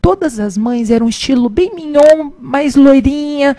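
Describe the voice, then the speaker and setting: A middle-aged woman talks with a mellow, warm tone as a guest in a conversation. She tells stories and acts out the dialogue, and her pitch jumps up when she does. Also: unhurried. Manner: recounts events by acting out dialogue, animated pitch jumps. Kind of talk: conversational storytelling.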